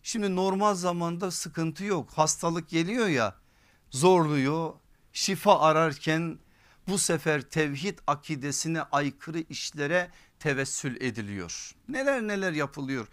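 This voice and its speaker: A man's voice: fairly high pitch, expressive, unhurried, fairly bright tone. A man preaching a sermon from a pulpit microphone, emphatic, repeating his points and checking with rhetorical questions.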